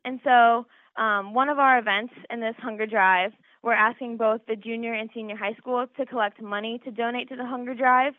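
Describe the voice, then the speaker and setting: A woman's voice: fairly high pitch, fairly even intonation, moderate pace, dry recording. Teenage girl on a tinny phone line. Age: teens. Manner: earnest and explanatory, stringing points together with "and so". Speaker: student guest. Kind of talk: radio interview.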